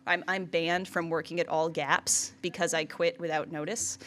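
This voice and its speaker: A woman in her thirties from Vermont, an entrepreneur, gives a presentation in a slightly bright, lowish voice with a flat delivery and moderate pace. Her style is chatty, peppered with "like" and "right?", and she laughs often.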